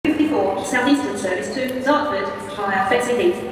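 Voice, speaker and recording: A woman in a recorded station announcement, heard over public loudspeakers, formal and measured. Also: medium pitch, recorded from a distance, noisy background. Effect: station public address announcement over loudspeakers. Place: railway station platform. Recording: echoey loudspeaker on a platform heard from afar. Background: station ambience.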